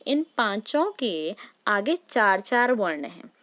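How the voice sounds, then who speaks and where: A woman teaching a class of children, patient and encouraging. She keeps checking in with her pupils and has them repeat sounds aloud after her, and her voice sits in a middle pitch. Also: sing-song, takes it slowly, a bit bright. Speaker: Hindi teacher. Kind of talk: classroom lesson.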